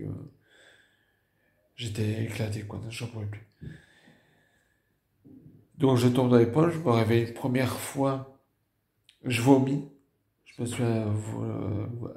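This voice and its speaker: A tired man from the Nord speaks with a northern French accent in a nasal, gravelly, dark voice. He tells his story haltingly, full of fillers and restarts, often trailing off quietly. The sound is roomy and echoey. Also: medium pitch. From Nord, northern France. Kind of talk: casual personal storytelling.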